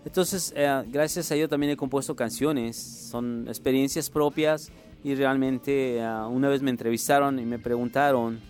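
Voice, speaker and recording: A middle-aged man from Mexico City with a capital-city Mexican accent, a musician and music instructor speaking earnestly in a radio interview, halting with many fillers and restarts. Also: mid-range voice, fairly even intonation, darkish tone. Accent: Mexico City Spanish.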